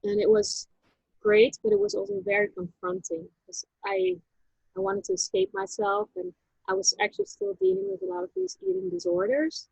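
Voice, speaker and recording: A woman, telling her personal story as an interview guest in a halting, reflective way, with frequent restarts. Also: very high voice, little pitch movement, vocal fry, a little mellow, dry recording, rough recording. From Netherlands.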